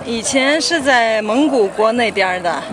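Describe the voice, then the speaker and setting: A woman's voice: a little high, animated, moderate pace. Inner Mongolian woman chatting amid crowd noise. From Inner Mongolia, China. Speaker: local interviewee. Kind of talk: casual chat. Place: outdoors at a festival tourist site. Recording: busy outdoor crowd and traffic noise.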